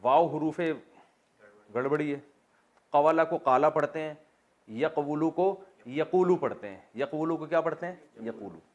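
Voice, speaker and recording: A man's voice: on the high side, lo-fi sound. Man teaching a class, quizzing students. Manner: explains step by step, asks the class questions and answers them himself. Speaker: religious teacher. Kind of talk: classroom lecture on Quran vocabulary and grammar.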